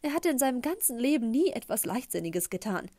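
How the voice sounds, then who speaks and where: A woman's voice: on the high side, sing-song, a little fast, dry recording, voice pushed up. Woman putting on a gushing, tactless mom. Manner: loud, effusive, embarrassing chatter. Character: gushing tactless middle-aged mother.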